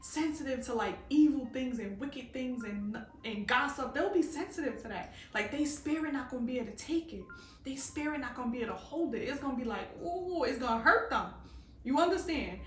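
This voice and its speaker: A woman's voice: sits high, expressive, fairly quick, roomy sound, distant mic, slight background noise. A woman giving a fervent, preachy faith talk to camera, calling her listeners "baby" and asking if they hear her. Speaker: faith vlogger.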